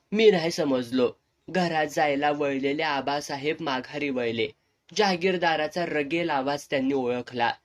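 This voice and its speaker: मराठी कादंबरीचे भावपूर्ण वाचन करणारा पुरुष. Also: male voice, on the high side. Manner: expressive storytelling. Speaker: narrator. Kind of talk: serialized novel reading.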